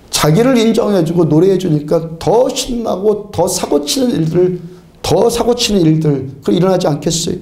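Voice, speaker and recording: A man's voice: high-pitched, gravelly, mellow. A male pastor delivering an emphatic sermon, urging his congregation with firm commands and often breaking into a laugh as he preaches. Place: church sanctuary. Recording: echoey church sanctuary.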